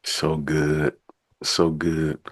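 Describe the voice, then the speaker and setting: A man with a deep, low voice hosts a relaxed interview. He talks loosely and rambles a bit, leaning on filler words as he leads into his questions. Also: drawn-out words. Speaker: podcast host. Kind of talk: casual interview chat.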